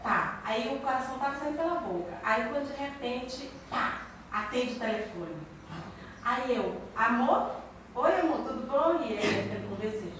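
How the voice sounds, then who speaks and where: A high-pitched woman tells a lively personal story in front of a church group, often breaking into laughter. Her voice comes from a distance in a roomy, echoing church hall, with audible background noise. The telling is excitable and animated throughout. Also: moderate pace. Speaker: church member giving a testimony. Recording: echoey church hall, far from the mic, noisy.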